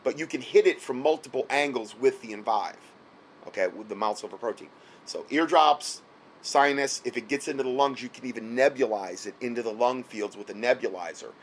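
Speaking fairly fast at medium pitch over a slight hiss, a man whose voice is giving out offers casual late-night instruction as a health product seller. Repetition runs through his talk, along with constant "okay?" checks on the listener.

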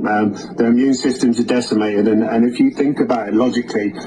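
A man, a funeral director, giving a spoken video update in a hesitant way with many ums, heard through low-quality streamed video audio. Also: steady tone, fast talker, warm tone. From United Kingdom.

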